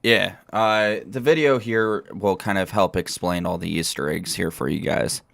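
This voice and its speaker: A man's voice: low-pitched, normal speed, gravelly, fairly bright tone, dry recording. A man hosting a casual gaming podcast over an online call, rambling with lots of fillers. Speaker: podcast host.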